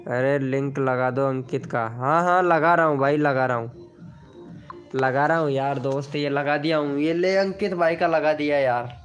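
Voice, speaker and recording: Speaking at a moderate pace in a fairly high voice, this Hindi-accented man runs a relaxed live stream. He chats with viewers, reads their names and comments aloud and promotes channels, with faint music playing in the background.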